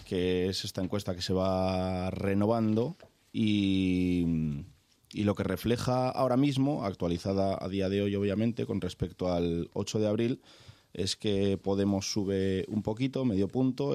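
A man reviewing the day's newspaper headlines on a talk panel, with a steady, informative delivery. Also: low-pitched, unhurried, dry recording. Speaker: press reviewer. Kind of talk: reading newspaper headlines on air.

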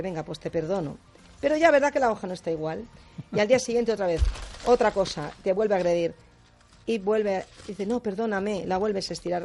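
Woman, radio guest, gravelly creaky voice, mid pitch, lively explaining, tag questions. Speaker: guest speaker on difficult personalities. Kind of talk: radio talk chat.

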